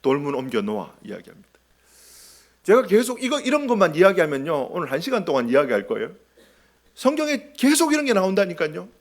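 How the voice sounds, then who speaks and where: Male pastor mid-sermon: pitched a touch high, emphatic, full of questions to the pews, quick to act out quoted lines. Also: very animated. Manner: emphatic, asks the congregation rhetorical questions; acts out short quoted lines with swings in pitch and loudness.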